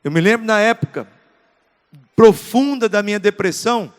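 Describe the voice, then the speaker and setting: A middle-aged Brazilian pastor preaches with a high, ringing voice, his words trailing off into the long reverb of a large church hall. He is earnest and emphatic, repeating short phrases to drive his points home. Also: moderate pace. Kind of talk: sermon.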